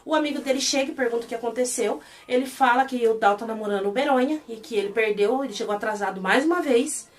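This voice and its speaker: A Brazilian woman retelling and reviewing a series in an animated, exasperated, casual way. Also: a little high, fast talker, few pauses, distant mic. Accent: Brazilian Portuguese.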